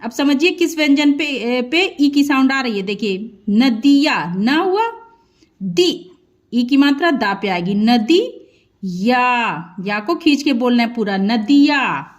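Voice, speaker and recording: Slow, high-voiced woman teaching Hindi. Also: lively intonation. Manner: sounds out syllables slowly and drawn out, then repeats the whole word. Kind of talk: slow dictation-style lesson.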